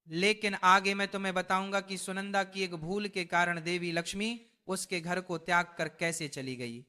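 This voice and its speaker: High, smooth male storyteller. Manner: even, formal storytelling. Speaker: narrator. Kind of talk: scripted devotional story narration.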